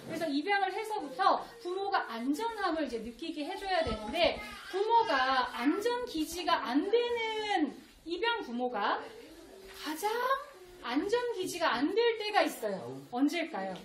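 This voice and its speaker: A woman's voice: very high voice, big pitch swings, moderate pace, a crowd in the background. A woman giving a parenting lecture to adoptive parents. She acts out the lines of parents and children and laughs often. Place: lecture hall with audience. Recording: echoey hall with audience.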